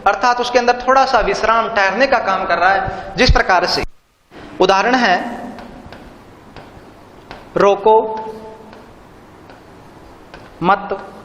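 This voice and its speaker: A man teaching an online literature lesson, explaining slowly and repeating key terms with synonyms. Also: sits high, pushed and bright, slight background noise. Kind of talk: online Hindi literature lecture. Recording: echoey room, dull lo-fi sound.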